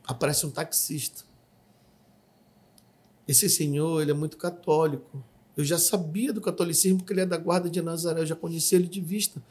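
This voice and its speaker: Husky-voiced man telling a testimony. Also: fairly high pitch. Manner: vivid storytelling, acts out shouts and quotes. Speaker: podcast guest giving testimony. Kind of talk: emotional personal testimony.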